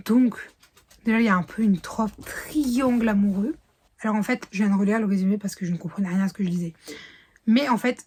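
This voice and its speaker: A woman chatting casually in a reading vlog, rambling with fillers and self-corrections, now and then dropping to a whisper. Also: mid-range voice. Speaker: book vlogger.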